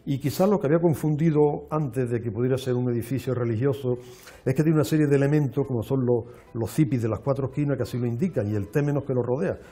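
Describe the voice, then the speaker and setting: A man, a guest explaining in a measured, lecturing way with frequent restarts on a television show. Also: mid-range voice, dark tone. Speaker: archaeologist guest. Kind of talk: explanatory interview talk. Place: television studio.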